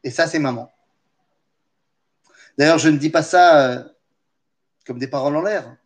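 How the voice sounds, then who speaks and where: A man giving a lesson as lively storytelling, with humorous asides and questions to his listeners. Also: a little high, a little slow. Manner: animated, humorous asides, talks to listeners directly. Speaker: teacher of Torah.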